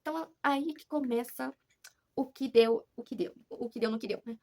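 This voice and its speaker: A woman's voice: fairly high pitch, normal speed, a little mellow. A woman with a Brazilian Portuguese accent, telling a personal story in a rambling, earnest vlog with many restarts. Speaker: vlogger. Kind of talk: casual confessional vlog.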